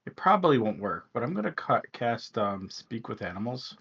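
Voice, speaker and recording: A man's voice: mid-range voice, moderate pace, husky. A man playing a tabletop game, hesitant with many fillers, over dull lo-fi online audio. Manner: hesitant, animated. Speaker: player.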